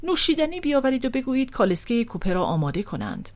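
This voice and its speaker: A woman's voice: fairly high pitch, sing-song, voice pushed up. A woman reading as a haughty old aristocrat. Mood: commanding. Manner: theatrical, swings from scolding to tender. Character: haughty, volatile older aristocratic man. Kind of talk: audiobook reading of a novel.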